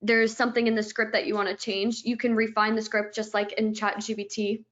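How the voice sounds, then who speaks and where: Upbeat woman walking through software, lo-fi. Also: a little high, flat delivery, brisk. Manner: eager explaining, strings steps together with "and then". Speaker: guest presenting her software product. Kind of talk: webinar product walkthrough.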